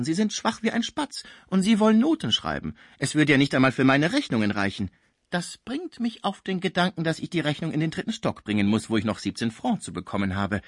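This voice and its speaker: A man's voice: medium pitch, husky, dry recording, clean studio sound, voice pushed up, heavily acted. A man reading an audiobook, voicing a shrewd, pushy working-class caretaker woman who talks in a nonstop, scolding torrent. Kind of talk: audiobook character voice.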